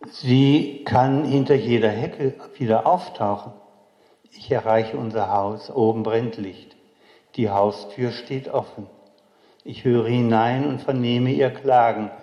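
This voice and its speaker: A man's voice: medium pitch, takes it slowly, dark tone. An older man tells a childhood memory in a solemn, reflective way. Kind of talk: memoir storytelling. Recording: dull, echoey hall recording.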